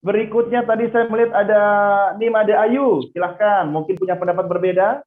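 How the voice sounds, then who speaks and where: Male trainer for a video-call class, higher voice, phone-like sound, energetic and encouraging. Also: brisk. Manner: lively, asks the class questions and praises answers. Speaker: public speaking trainer. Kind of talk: online class for pageant contestants. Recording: tinny phone-like audio.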